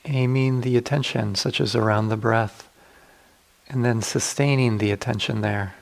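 Gentle, leisurely meditation instructions come from a male teacher, with long pauses in between. His mid-range voice is gravelly and his tone holds steady.

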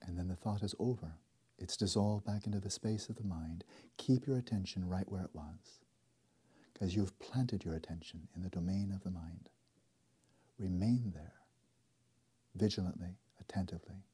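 A man guiding a meditation in a slow, soft, deliberate way, leaving long pauses between phrases. His voice sits somewhat low and is very dark and mellow, with a husky grain to it. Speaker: meditation teacher. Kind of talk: guided meditation.

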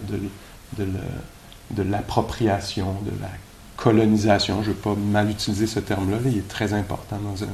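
A man's voice: on the low side, darkish tone, a little hiss or hum. A man with a Québécois accent giving an informal, conversational dharma talk at a meditation retreat, musing aloud with rhetorical questions. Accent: Québécois French. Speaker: meditation teacher.

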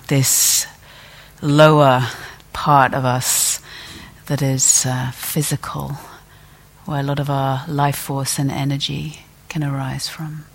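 A woman teacher with a low voice leads a guided meditation gently and deliberately, leaving long pauses between phrases.

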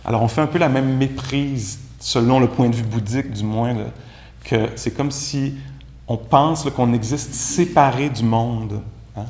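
A man's voice: medium pitch, unhurried, a little mellow. Casual Quebec-accented man teaching Buddhism. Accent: Quebec French. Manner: casual, conversational, many "tu sais" fillers. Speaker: meditation teacher. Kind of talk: dharma talk. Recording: echoey room, faint background noise.

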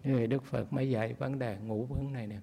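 A man, a Buddhist monk, giving a dharma talk and telling a teaching story slowly, acting out the voices of its figures. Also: medium pitch, fairly even intonation, creaky, mellow, breathy edge. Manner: slow storytelling with quoted dialogue.

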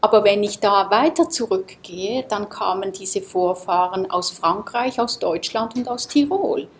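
A woman from Switzerland giving a calm, reflective Dharma talk to a group in a seminar room, often asking her listeners questions. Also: mid-range voice, a little slow, a little hiss or hum. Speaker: meditation teacher.

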